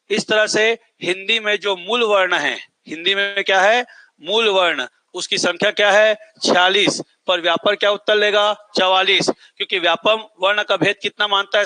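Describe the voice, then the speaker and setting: High bright teacher guy, keeps quizzing and repeating stuff, dry sound. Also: steady tone, normal speed, dry recording. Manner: repetitive, quizzing, drills answers. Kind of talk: classroom lecture with call-and-response questions.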